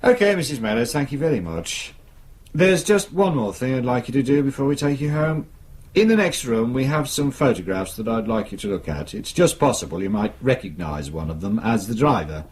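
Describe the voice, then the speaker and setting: Voicing a British police superintendent in a radio crime drama, a male actor questions politely, patiently and probingly in a measured way. His medium-pitched voice is very animated, with a darkish tone and a breathy edge.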